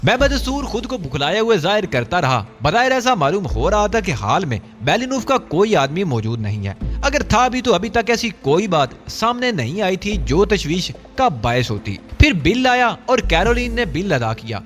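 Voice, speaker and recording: A man narrating a first-person thriller story as an audiobook, in a lively, dramatic storytelling manner. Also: high voice, hardly any pauses.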